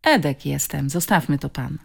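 A woman's voice: low voice, expressive, moderate pace, creaky, breathy edge, heavily acted. A woman voicing a weary but friendly middle-aged man in an audiobook, speaking in a hearty, coaxing way.

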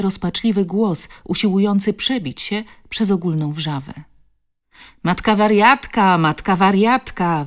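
Low-voiced woman narrating a story. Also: darkish tone. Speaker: audiobook narrator.

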